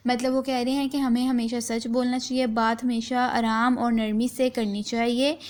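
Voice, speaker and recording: Woman, school teacher, slightly high-pitched, slow and deliberate, repeats and simplifies, mixes in English words. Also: darkish tone. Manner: reads a passage, then re-explains it simply with repetition; slow, deliberate pace for children. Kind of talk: children's class lesson.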